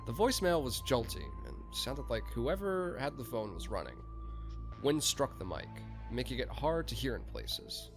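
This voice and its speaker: Male podcast host, first-person story narration, soft music underneath. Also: mid-range voice, sing-song, normal speed. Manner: laughs and swears freely in chat.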